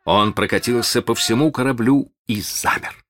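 A man narrating a children's story aloud in a dramatic, animated manner. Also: medium pitch, normal speed, a little hiss or hum. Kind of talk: expressive audiobook narration.

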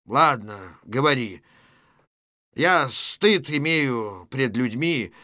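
A gloomy widowed locksmith, heavy and ashamed, read by a man. The voice stays bright and close. The sound is dry. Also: medium pitch, expressive, very slow, dry recording, exaggerated voice. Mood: glum. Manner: glum, heavy.

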